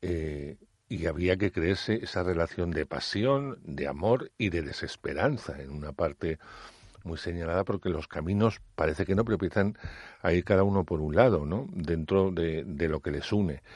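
A man interviewing an actor about a film, speaking in a measured, reflective way. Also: sits low, darkish tone, slightly rough, no echo, clean studio sound. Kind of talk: conversational interview.

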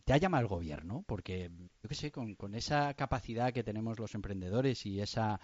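A fairly low-voiced man hosts a radio interview, asking chatty, teasing questions. His voice sounds dry and close, a little dull in tone. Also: animated, a little fast, dry recording. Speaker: radio host.

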